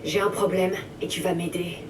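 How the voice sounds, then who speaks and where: A woman's voice: on the low side, flat delivery, moderate pace, close to an everyday voice. A woman as a blunt, demanding female mercenary; game dub, distant and noisy.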